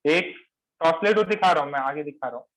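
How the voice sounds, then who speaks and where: A man's voice: a little high, fairly quick, fairly bright tone, poor audio. A man teaching a chemistry class, repeating key terms and quizzing his students, mixing in English phrases. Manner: mixes English phrases into Hindi explanation. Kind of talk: classroom lecture.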